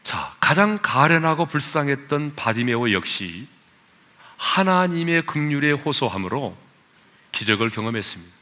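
A male pastor preaching a sermon with passion, climbing to loud appeals, then dropping to quiet asides and questions for the congregation. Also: mid-range voice, very animated, normal speed. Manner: asks the congregation questions and leads them in reading.

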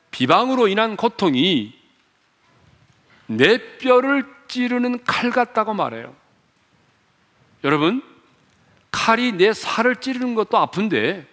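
A male pastor preaching a sermon, putting questions to the congregation, leading them in reading aloud, and swinging between loud and low for emphasis. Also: long reverb tail. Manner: wide swings in pitch and loudness, drops low for emphasis. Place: church sanctuary.

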